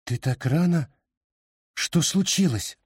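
A man's voice: on the high side, animated, slow pace, slightly rough, dry recording, clean studio sound, far from the mic, pitched above the performer's own voice, exaggerated voice. A man voicing a frightened young woman who cries out in tears. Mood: tearful. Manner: crying out, tearful.

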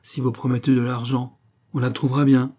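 A man voicing a devoted, fretful old male servant who talks in a pleading, fervent way, his voice husky. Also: medium pitch, level tone, brisk, mellow, pitched above the performer's own voice, lightly acted. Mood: grumbling.

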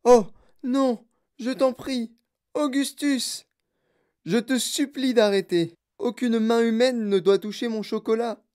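A narrator voicing an eccentric, excitable man who runs a chocolate factory, pleading in a high, emphatic voice. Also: slow, lightly acted. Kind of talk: audiobook character voice.

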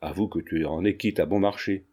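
A man voicing a blustery, domineering old male lawyer who scolds gruffly, read from a classic novel. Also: low voice, fairly even intonation, fairly quick, darkish tone, voice pushed down. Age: older.

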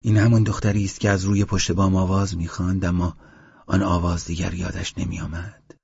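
Male audiobook narrator with a low, gravelly-husky voice, measured and dramatic, dry slightly dull studio sound. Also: flat delivery, a little mellow, no room sound. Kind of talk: scripted literary narration.

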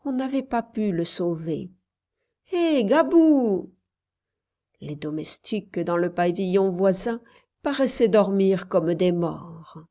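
A woman narrating an audiobook in a measured, calm storytelling voice. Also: on the low side, gravelly.

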